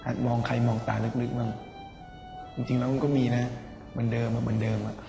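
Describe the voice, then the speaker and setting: A man's voice: medium pitch, monotone, a little fast, vocal fry. Young man, teasing older-brother tone, distant echoey recording. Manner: teasing, big-brotherly advice. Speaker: departing contestant. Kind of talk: casual farewell message. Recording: roomy, distant, muffled with music. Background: music.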